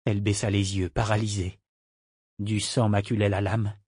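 A man's voice: lowish voice, husky, dry recording. Man reading an audiobook, dry studio sound. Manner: measured, expressive reading. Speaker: audiobook narrator. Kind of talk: scripted narration.

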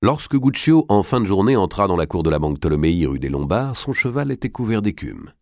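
A low-pitched man narrating a storybook with lively, theatrical swings in his voice. His reading is expressive and full of movement. The sound is dry and close, with no room in it. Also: a little fast, dry recording. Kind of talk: audiobook reading.

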